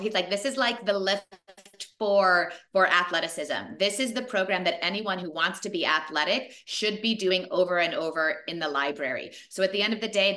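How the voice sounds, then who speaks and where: Emphatic woman in her forties on a video call. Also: fairly low pitch. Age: 40s. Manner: energetic, emphatic, repeats points for stress. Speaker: fitness program creator. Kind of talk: video call talk to business partners.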